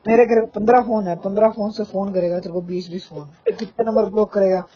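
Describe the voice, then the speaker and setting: On a muffled lo-fi phone recording, a young gaming fan rants insistently at the other person, nagging and making playful threats. His voice sits high, steady in tone and fairly quick.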